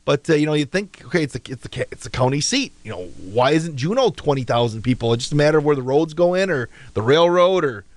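A man's voice: fairly high pitch, expressive, fast, few pauses, no room sound. An American man hosting local radio, chatting casually and giving local updates.

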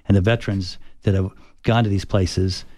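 An older man, a retired Air Force fighter pilot, telling stories in an interview with a reflective, halting manner full of restarts. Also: low voice, steady tone, a little mellow, no echo. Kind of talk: conversational interview storytelling.

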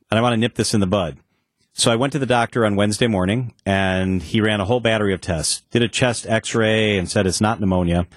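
A middle-aged afternoon talk show host shares a personal story candidly and conversationally. His voice is fairly low, captured dry and at studio quality through a studio microphone in a radio studio.

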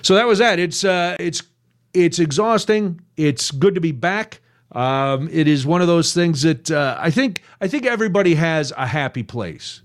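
A man's voice: on the high side, normal speed. An older man hosting a radio show, telling self-mocking stories in a casual chat. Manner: animated, self-mocking storyteller. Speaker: radio host.

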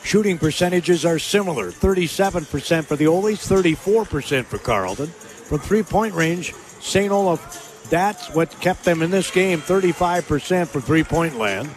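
A man calling a college basketball game play-by-play on radio, rattling off scores and stats and shouting on the big plays. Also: fairly high pitch, lively intonation, normal speed, soft background music. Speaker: play-by-play announcer. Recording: radio broadcast.

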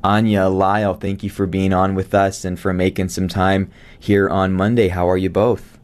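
Low-pitched and flat in delivery, this man talks at a moderate pace while hosting a live radio talk show in a studio. The chat stays friendly and casual, with occasional filler words, captured on a studio microphone.

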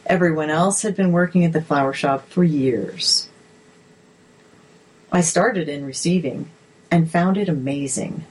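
A woman narrator reads articles aloud at a slow, measured pace. Her voice sits low and has a husky, breathy grain. The delivery stays steady and even throughout. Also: low-quality recording.

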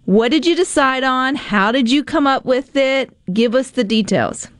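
A woman's voice: high voice, a little slow, slight background noise. A woman hosting a casual radio interview in a chatty, encouraging way. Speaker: radio show host.

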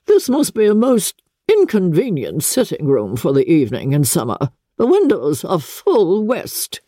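Imperious elderly noblewoman, voiced by an audiobook reader, stiff, commanding, high lively pitch, dark mellow tone. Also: unhurried, no room sound, studio quality. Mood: condescending. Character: haughty, imperious elderly aristocratic lady. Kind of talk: audiobook character reading.

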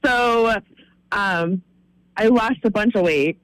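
A woman calling in to a radio show, telling a story in an animated, expressive way. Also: medium pitch, slow, no room sound, rough recording. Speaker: caller. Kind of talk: phone-in story.

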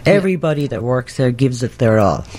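A woman's voice: extremely low pitch, big pitch swings, a little fast, mellow. A middle-aged woman with a west of Ireland accent, talking casually as a guest in a radio interview. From Galway, Ireland. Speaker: guest, pub and restaurant owner.

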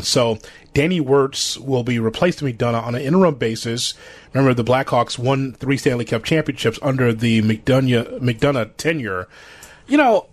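A man hosting sports talk radio, speaking at a middle pitch in a conversational way that leans on fillers. Faint music plays behind him.

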